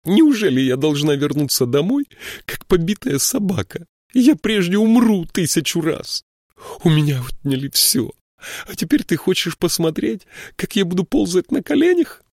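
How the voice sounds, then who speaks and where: A man voicing a proud, furious young woman who pleads and shouts in a raised voice. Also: medium pitch, very animated, unhurried, no room sound, studio quality, voice pushed up. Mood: shouting despair.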